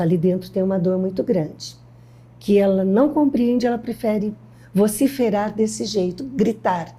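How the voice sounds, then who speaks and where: Brief: older Brazilian woman, interview guest, husky and mellow, emphatic storyteller who acts out quotes. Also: mid-range voice. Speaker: guest educator. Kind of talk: interview conversation.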